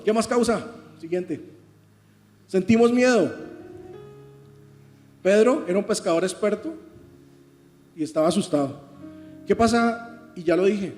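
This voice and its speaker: A man preaches a sermon, teaching through rhetorical questions put to the congregation. His voice sits high and mellow. It rings with a long church-hall reverb over soft guitar music.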